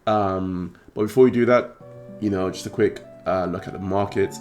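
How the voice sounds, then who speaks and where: A man hosting a trading card game vlog, talking casually with many fillers and restarts, his voice croaky. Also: low voice, steady tone, moderate pace, a little mellow, faint music behind. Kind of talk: casual talk to camera.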